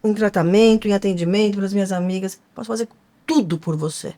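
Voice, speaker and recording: Speaking fast in a dark, mid-range voice, a woman co-hosts a conversational podcast. She's earnest and emphatic, and she leans on rhetorical questions.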